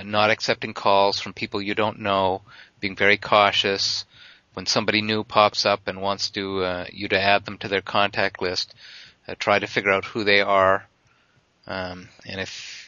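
A man's voice: lowish voice, sharp tone, no echo. A man talking casually as a podcast panelist over an internet voice call, earnest and cautious, often restarting his sentences. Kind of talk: casual conference call chat. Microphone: computer mic on a voice call. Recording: muffled lo-fi internet call audio.

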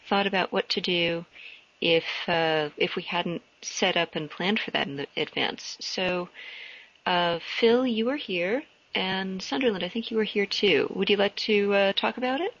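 A woman hosting a casual podcast over an internet voice call, friendly and halting, with many ums. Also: mid-range voice, a bit bright, husky. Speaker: podcast host. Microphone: computer mic on a voice call. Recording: muffled lo-fi internet call audio.

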